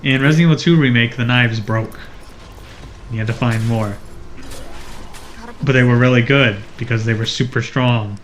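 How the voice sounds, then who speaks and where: A man commentates on a game in a mid-pitched, ordinary voice, dry and wry as he explains how its systems work. A faint room hum sits behind him. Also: normal speed, long pauses. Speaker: let's play commentator. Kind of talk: casual gaming commentary.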